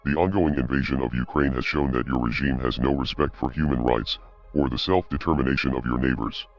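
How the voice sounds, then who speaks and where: A man reading a scripted statement as an anonymous activist spokesperson in a disguised, pitched-down voice, cold, measured and ominous. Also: steady tone. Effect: disguised, pitched-down deep voice. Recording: dull lo-fi audio, music behind.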